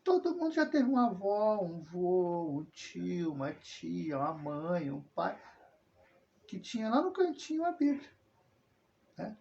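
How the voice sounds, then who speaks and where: A man from southern Brazil who hosts religious videos rambles through a casual personal monologue full of tag questions and self-corrections. His voice sits high, sing-song, gravelly, and mellow, a little slow, on a dull lo-fi recording.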